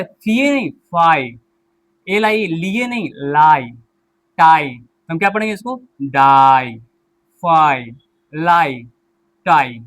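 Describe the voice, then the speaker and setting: A man's voice: high-pitched, a bit bright. A male English teacher giving a pronunciation lesson, repeating the rules and asking the listener questions as he goes. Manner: slow, repetitive, quizzes the listener with questions.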